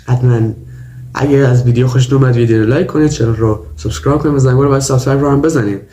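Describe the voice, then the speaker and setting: A man's voice: medium pitch, steady tone, dark tone. Chatty young man reacting, roomy sound. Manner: chatty, mock-indignant, insists clips aren't funny. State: has a cold. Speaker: YouTuber. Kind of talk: try-not-to-laugh reaction video.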